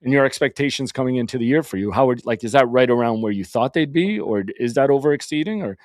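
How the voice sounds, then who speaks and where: Lively agreeing sports co-host. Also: male voice, medium pitch, fast talker, no echo, clean studio sound. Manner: short eager agreeing interjections. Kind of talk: casual sports talk.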